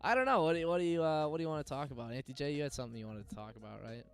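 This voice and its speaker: A man's voice: on the high side, very fast, over music. A man co-hosting a podcast in casual chat, laid-back and rambling. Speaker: podcast co-host.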